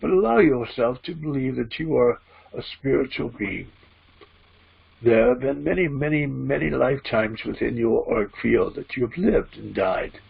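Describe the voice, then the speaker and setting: A man voicing a spirit guide as a trance medium at a seance, teaching solemnly and deliberately in a gravelly, husky voice. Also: medium pitch. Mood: earnest, teaching. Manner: seance medium manner, preachy, deliberate, emphatic repeated phrasing. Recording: dull, muffled lo-fi audio.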